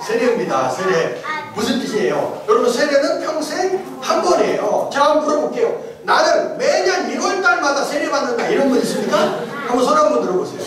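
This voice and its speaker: A middle-aged man, a pastor teaching his congregation, quizzing them with jokes and laughter, then building to emphatic shouted refrains. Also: very high voice. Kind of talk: interactive sermon teaching. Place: large church hall with congregation. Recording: echoey hall, distant mic, congregation audible.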